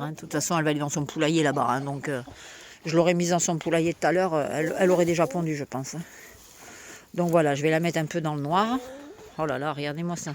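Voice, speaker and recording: A woman's voice: sits low, slight background noise. A woman chatting casually to her viewers while tending her hens outdoors, talking spontaneously and cooing fondly at the birds. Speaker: backyard poultry keeper vlogger. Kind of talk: casual vlog chat. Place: outdoors by a henhouse.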